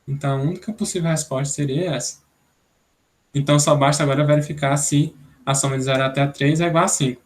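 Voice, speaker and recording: Young man from Brazil, programming instructor, raised pitch, patient, thinks aloud. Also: fairly even intonation, fast. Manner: explanatory, thinks aloud, many "né?" tags. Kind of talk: online programming class.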